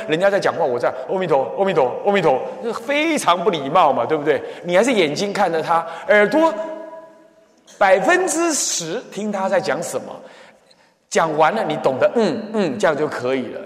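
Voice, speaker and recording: Lively monk preaching in an echoey hall. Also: male voice, a little high. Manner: lively, acts out scenes, drops to soft murmured chanting. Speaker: Buddhist abbot teaching. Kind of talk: dharma talk. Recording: echoey hall with long reverb.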